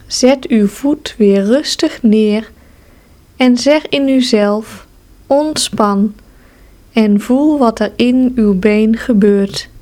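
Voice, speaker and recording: Woman, relaxation guide; very slow, calm, soothing delivery, slightly high voice. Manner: slow, calm, soothing instructions with long pauses. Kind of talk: guided progressive muscle relaxation.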